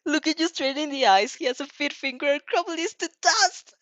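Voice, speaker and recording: With a high, fairly bright voice at normal speed, a woman dramatically reads second-person fan fiction aloud, reacting emotionally along the way. There's no echo on the audio.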